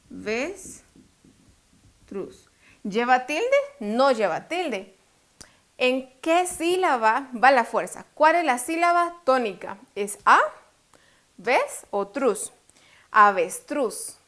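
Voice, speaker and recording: A woman teacher giving a recorded online grammar lesson, explaining step by step, asking questions and answering them herself, and slowing down to stress syllables. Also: fairly high pitch, fairly bright tone. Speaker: Spanish teacher.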